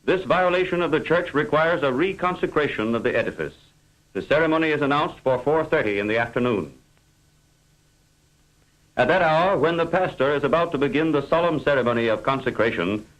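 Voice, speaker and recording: A man reading scripted narration for an old 1950s newsreel in a formal, measured delivery, on an old film soundtrack. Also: fairly high pitch, fairly bright tone, poor audio.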